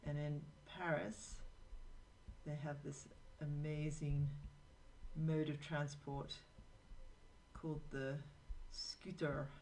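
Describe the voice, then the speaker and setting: A low-pitched woman hosts a live-streamed drawing session, talking to her viewers as she works. Her talk is rambling and anecdotal, with the easy flow of someone thinking aloud, and a faint hiss sits under the voice. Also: little pitch movement, takes it slowly, darkish tone, poor audio. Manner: rambling, anecdotal, talks to viewers while working. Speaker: live drawing show host. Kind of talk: chatty live-stream narration while drawing.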